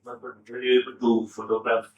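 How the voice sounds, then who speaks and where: A man asking an interview question in a measured, even delivery. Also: mid-range voice, echoey room, highs cut off.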